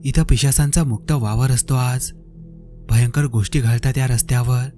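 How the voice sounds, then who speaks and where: A man voicing a curt, gruff middle-aged jeep driver who speaks in terse replies and barks when alarmed. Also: medium pitch, fairly even intonation, normal speed, warm tone, faint music behind, lightly acted. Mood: alarmed, barking.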